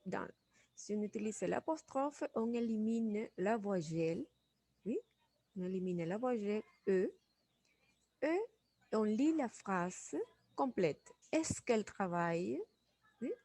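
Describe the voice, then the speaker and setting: A woman explains grammar in an unhurried way, saying each example twice. She has a mid-range voice, and the recording is dry and close to the mic. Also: mid-range voice, warm tone, no room sound. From Venezuela. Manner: patient, repeats each example, asks "oui". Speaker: French teacher. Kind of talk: slow classroom explanation.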